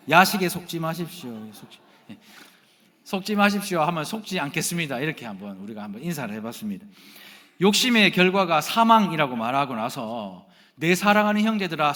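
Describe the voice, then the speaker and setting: A male pastor with a Gyeongsang Korean accent preaches a sermon, speaking directly to the congregation and joking with them. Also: sits high. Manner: animated, addresses the congregation directly and jokes with them.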